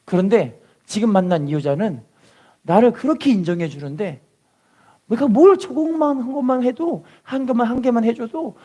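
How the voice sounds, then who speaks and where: A man preaching a lively sermon, often calling out hallelujah and putting rhetorical questions to the congregation. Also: sits high.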